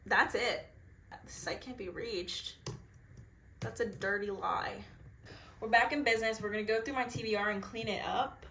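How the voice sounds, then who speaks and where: A woman's voice: medium pitch, steady tone, moderate pace, long pauses, fairly bright tone, echoey room, slight background noise. A young woman, chatting bubbly and casually about books in a reaction vlog. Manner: bubbly, chatty, filler-heavy. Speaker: book vlogger.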